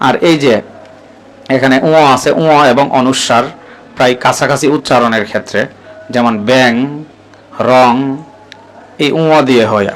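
Bangladeshi guy teaching the alphabet, calm and methodical, regular mid voice. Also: mid-range voice, poor audio. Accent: Bangladeshi Bengali. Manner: patient, methodical, naming letters one by one. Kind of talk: explaining lesson to parents.

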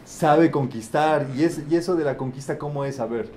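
A man leads a participatory lesson, his voice sitting a little high yet mellow and dark in tone. He asks the group questions, repeats each answer back, and caps his points with "¿verdad?". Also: moderate pace, a little hiss or hum. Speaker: teaching facilitator. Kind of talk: interactive group teaching talk.

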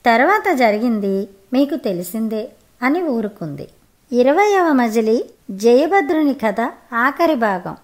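Woman narrating a folk tale. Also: fairly high pitch. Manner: steady, measured storytelling. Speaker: storyteller.

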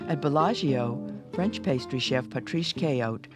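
A man's voice: mid-range voice, lively intonation, a little slow. A man reading scripted narration for a cooking show. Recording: guitar music under voice-over. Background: plucked guitar music.

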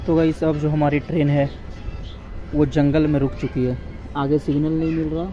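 A young man vlogs his travels, chatting casually to viewers he calls "guys" as he films with a close-held action camera inside a train coach and on station platforms. His voice is fairly high and mellow with little pitch movement, at a moderate pace. The lo-fi handheld recording is noisy with train and station sounds, plus soft background music.

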